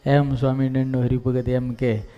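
A male monk giving a devotional storytelling sermon, lively and folksy, acting out the characters' voices. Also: mid-range voice, fairly quick. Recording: dull lo-fi recording.

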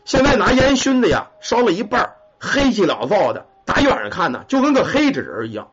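Animated man storyteller, colloquial, husky voice. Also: sits high, brisk. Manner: colloquial, animated, swears casually. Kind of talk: spoken ghost story telling. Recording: muffled lo-fi recording.

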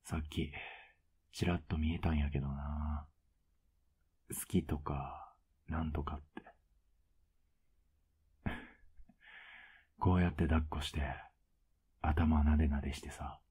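Whispered role-play, male voice actor as a doting older boyfriend: husky, very low, flat and coaxing. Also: slow, pauses often, heavily acted. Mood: teasing tender. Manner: teasing, soft-spoken, coaxing.

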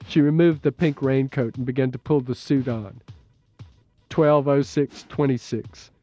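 A man narrating an audiobook in a measured, steady, low-key way. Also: soft background music. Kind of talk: scripted narration.

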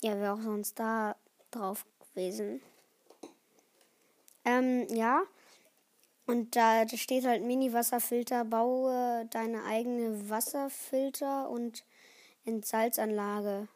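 A woman's voice: fairly high pitch, steady tone, slow, long pauses, darkish tone, no echo. A teenage girl hosting her own podcast in casual solo chat, rambling and often restarting her sentences. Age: teens. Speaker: podcast host.

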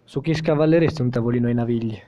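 A man's voice: medium pitch, very fast, warm tone. A young man hosting a casual podcast interview, asking questions in an informal, teasing way. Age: young adult. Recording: dull lo-fi sound.

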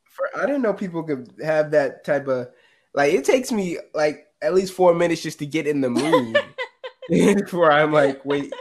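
A co-host of a casual podcast, playful and profane, tossing in quick agreements. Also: mid-range voice, animated.

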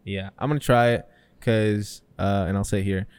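A laid-back man hosts a podcast, chiming in often and laughing along with his guests. His voice is on the low side. The sound is close and dry. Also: steady tone, moderate pace, darkish tone, clean tone, no room sound. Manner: laid-back, lots of backchannel "yeah", laughs easily. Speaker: podcast host. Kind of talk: casual podcast chat.

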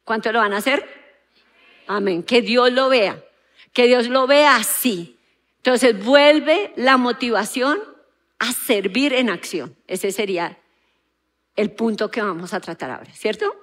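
Woman preacher, fairly high voice, animated sermon with acted-out quotes. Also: measured pace, pauses often. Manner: animated, acts out quotes, asks the audience questions. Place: auditorium.

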